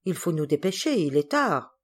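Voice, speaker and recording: A woman voicing a kindly middle-aged nursemaid who speaks in a gentle, practical way in a storybook reading. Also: deep voice, sing-song, moderate pace, husky, heavily acted.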